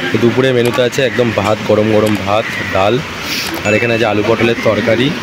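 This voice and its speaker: Male travel vlogger, weary and chatty, recorded in a roomy space with steady background noise. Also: fairly low pitch, fairly quick. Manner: chatty, talks straight to viewers. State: tired. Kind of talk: casual travel vlog talk. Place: hotel and beach town, indoors and out.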